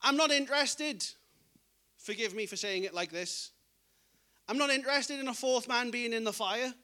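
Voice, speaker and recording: A man's voice: extremely high pitch, moderate pace, pushed and bright, clean tone. A man preaching a sermon in an earnest, conversational way, acting out scripture dialogue as he goes.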